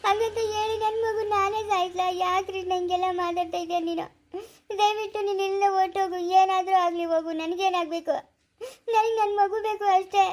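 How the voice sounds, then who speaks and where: A desperate young mother, voiced by a woman, speaks quickly in a very high, childlike register. She is emotional and insistent, fighting for her baby in a family cartoon. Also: flat delivery. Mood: pleading. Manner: pleading, tearful, then threatening. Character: anxious young mother fiercely protecting baby. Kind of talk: cartoon voice acting.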